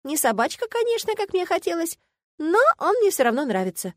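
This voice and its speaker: A woman voicing a feisty young student heroine in an audiobook, talking loud and emphatic. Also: extremely high pitch, very animated, fairly quick, dry recording, clean studio sound, pitched above the performer's own voice. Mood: tender.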